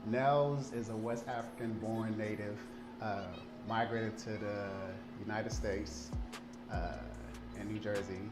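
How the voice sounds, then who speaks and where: Guy from liberia in his 30s, kinda low voice, chatty storytelling, echoey room w music under it. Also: slow pace. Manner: animated storytelling, frequent fillers and restarts. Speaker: guest. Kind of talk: casual interview. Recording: roomy sound with music underneath.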